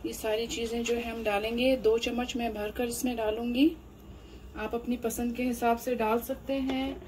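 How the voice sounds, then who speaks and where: A cooking channel host narrates a home cooking demonstration in a voice on the high side, level and darkish. She takes her time, explaining each step with lots of fillers. The audio is poor, with slight background noise.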